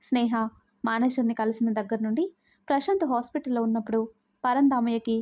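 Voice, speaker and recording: Woman storyteller with a somewhat high voice. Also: steady tone, fairly quick, warm tone. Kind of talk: scripted story narration. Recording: muffled lo-fi audio.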